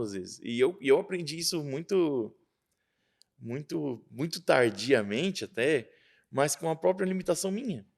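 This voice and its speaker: Gravelly-voiced father explaining earnestly. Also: medium pitch. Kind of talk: interview.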